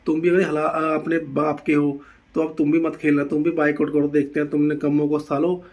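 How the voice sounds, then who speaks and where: A man's voice: on the high side, flat delivery, normal speed, darkish tone. A man hosting a reaction video, ranting furiously and hurling abuse. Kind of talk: angry rant commentary.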